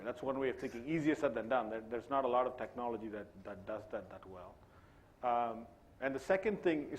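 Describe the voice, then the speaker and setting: Man speaking on a tech panel. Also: medium pitch. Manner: conversational, many restarts and "you know". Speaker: panelist CIO. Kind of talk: panel discussion.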